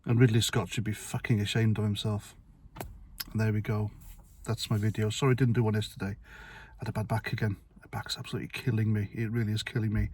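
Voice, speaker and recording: Talking to camera in a casual opinion piece, this middle-aged vlogger, whose first language is Welsh, curses freely, wanders off topic, and restarts his thoughts. He's blunt about it. His voice is fairly low, husky, and a little mellow.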